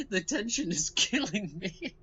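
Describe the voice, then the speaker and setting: A man's voice: sits high, big pitch swings, slow, pushed and bright, slight background noise, voice pushed up, full character voice. A man reading a game diary as an anxious, cheating man, in a bouncy mock-Swedish accent, on a slightly muffled recording. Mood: fretful.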